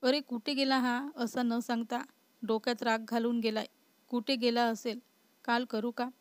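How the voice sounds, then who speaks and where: A woman's voice: a little high, level tone, normal speed, no echo, lightly acted. A woman voicing a stubborn, spirited young wife in a storybook reading, with a defiant, retorting manner.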